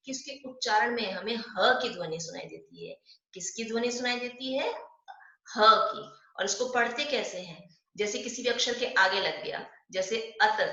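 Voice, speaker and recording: Bright-voiced woman teaching an online class. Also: medium pitch. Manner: asks questions then answers them, stretches sounds slowly. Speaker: primary school Hindi teacher. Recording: dull lo-fi echoey room.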